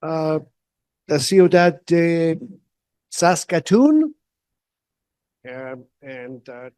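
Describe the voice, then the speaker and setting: A man with a fairly high voice gives a lecture at a slow, halting pace. He is a native English speaker with a North American accent, audible in his Spanish too, and the sound is dry and close. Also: big pitch swings, mellow, clear, resonant tone, dry recording. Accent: North American English accent, also when speaking Spanish. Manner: halting, with short phrases. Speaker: guest lecturer. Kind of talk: hesitant conference talk mixing English and simple Spanish.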